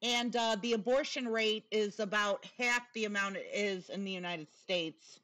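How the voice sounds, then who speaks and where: A woman's voice: medium pitch, moderate pace, fairly bright tone. A woman giving casual, opinionated commentary in a blunt, sarcastic way, with a lisp and a whistling s. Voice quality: lisp with whistling s from new dental appliance.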